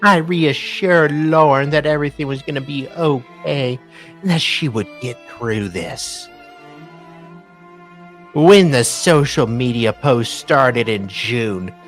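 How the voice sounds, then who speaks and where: A woman co-host with a rumbling, low voice reads documents aloud slowly, in a theatrical, mocking style, stopping now and then for casual asides. Faint music plays behind her.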